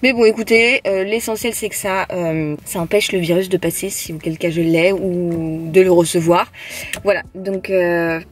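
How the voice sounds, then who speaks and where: A woman's voice: fairly low pitch, steady tone, normal speed. A young woman vlogging at home in casual, rambling chat, full of fillers and restarts.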